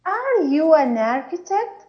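Argentine lady english teacher, high voice, slow and patient, kinda dull lo-fi sound. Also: very animated. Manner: patient explaining, frequent laughter. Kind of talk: casual podcast lesson.

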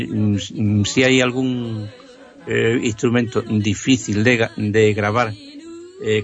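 A man from Extremadura with a Spanish accent, explaining the history behind old songs in casual radio conversation, enthusiastic and explanatory. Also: fairly low pitch. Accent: Spanish from Spain. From Extremadura, Spain. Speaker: music history contributor. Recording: dull lo-fi sound.

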